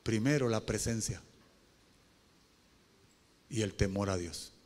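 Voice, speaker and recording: A man preaching a sermon as pastor, moving from low talk to shouted pleas and calling on the congregation with questions. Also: takes it slowly. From Honduras.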